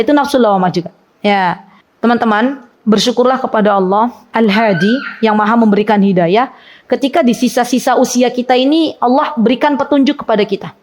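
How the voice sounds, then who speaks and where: High-pitched woman teacher, giving a chatty religious talk to a women's circle and quizzing her audience. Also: darkish tone. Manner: chatty, asks the audience questions, acts out quoted laments. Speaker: Islamic teacher leading a women's study circle. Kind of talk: conversational religious lecture.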